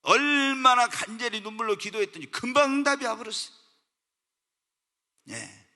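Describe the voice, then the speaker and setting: A pastor preaching a sermon to his congregation. He asks the congregation questions and answers them himself, moving from quiet asides to loud, emotional appeals. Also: very high-pitched, expressive, moderate pace. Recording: church hall reverb.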